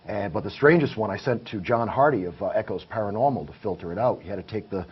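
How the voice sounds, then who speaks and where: A lowish, slightly rough male voice moves at a quick pace as this paranormal investigator, guesting in a casual interview, earnestly explains his findings in detail. Faint hiss and muffling mark the recording.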